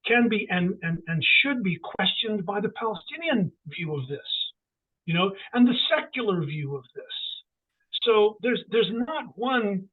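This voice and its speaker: A man talking as an author guest in an interview, emphatic and full of restarts. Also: sits high. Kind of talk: casual interview talk. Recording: tinny phone-like line.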